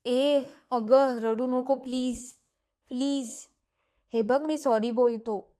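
A woman voicing a young husband in an audio story reading, earnest and pleading, in a slow, even voice. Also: high voice. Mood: tender. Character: young husband, stern then tender.

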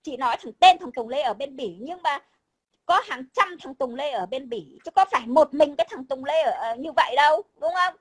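A woman's voice: high-pitched, expressive, a little fast, low-quality recording. A woman, talking bluntly and combatively in casual chat, swearing freely. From Vietnam. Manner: blunt, combative, swears, keeps repeating a tag word. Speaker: overseas Vietnamese guest.

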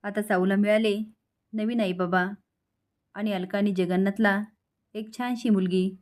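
A woman narrates a scripted recap of a serial in a steady, plain storytelling voice. Her pitch sits in an ordinary middle range. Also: measured pace.

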